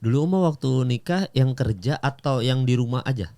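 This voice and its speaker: A man's voice: mid-range voice, expressive, brisk, darkish tone. A man hosting a casual podcast, joking and prodding his guest with short questions. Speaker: podcast host. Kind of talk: casual interview chat.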